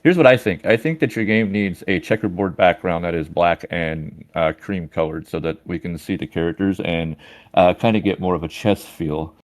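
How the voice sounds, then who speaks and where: A man's voice: low voice, normal speed. A man moderating a casual chat, giving direct critique of a game.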